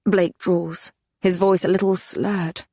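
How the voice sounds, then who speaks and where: A woman's voice: on the low side, flat delivery, slow pace, dark tone, breathy edge, dry recording, clean studio sound. A woman narrating a first-person fantasy romance audiobook with an intense, dramatic delivery.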